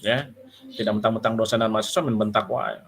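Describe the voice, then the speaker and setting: A man's voice: on the low side, fairly even intonation, fast talker. A male lecturer giving a casual, conversational lecture to his students. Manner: conversational, addresses students as friends.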